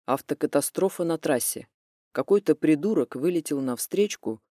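A woman voicing a calm, blunt young man who speaks in a level, understated way. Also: sits low, moderate pace, no room sound, clean studio sound, voice pushed down. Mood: quiet steady. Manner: level, even, understated delivery.

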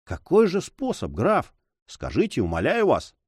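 A man's voice: a little high, wildly swooping pitch, measured pace, darkish tone, slightly rough, dry recording, clean studio sound, voice pushed up, heavily acted. A male reader voicing a greedy, anxious prison commandant who talks eagerly and fawningly in a storybook reading.

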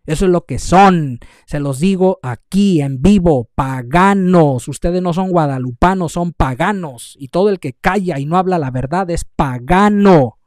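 A man's voice: on the high side, moderate pace, few pauses, a little mellow, no echo, studio quality. Fiery Mexican preacher man scolding. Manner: scolding, emphatic repetition. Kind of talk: fiery livestream sermon.

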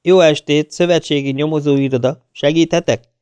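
Egy ravasz, fiatal női bűntárs , ahogy egy férfi felolvasó eljátssza egy hangoskönyvben, a saját hangjánál kissé magasabban. Gyorsan, üzletszerűen beszél, és a hang száraz, visszhangmentes. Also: male voice, on the high side, fairly even intonation, a little mellow, smooth, no room sound, pitched above the performer's own voice, lightly acted. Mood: polite. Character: scheming young woman accomplice. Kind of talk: audiobook character voice.

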